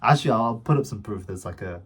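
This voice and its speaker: Brief: young male host, blunt and emphatic, casual swearing; husky, lower-pitched voice. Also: lively intonation, fast talker. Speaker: self-improvement video host. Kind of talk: motivational talk to camera.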